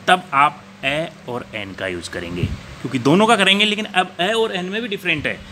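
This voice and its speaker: Man teaching grammar, bright tense voice, slightly high, asks and answers his own questions, faint AC hum. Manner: asks the class questions and answers them himself, repeating key points. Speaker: English teacher. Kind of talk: classroom grammar lesson.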